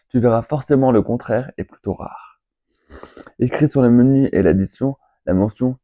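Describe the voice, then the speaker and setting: A man's voice: medium pitch, warm tone. Chatty young-sounding French vlogger man. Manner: chatty, rambling with fillers and asides. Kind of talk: casual vlog, reading tips aloud. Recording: dull lo-fi home recording.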